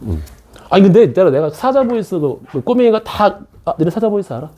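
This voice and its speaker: Joking and chatting with his students between points, a middle-aged man delivers a casual math lecture at an academy. His warm voice sits high and has a sing-song, brisk quality.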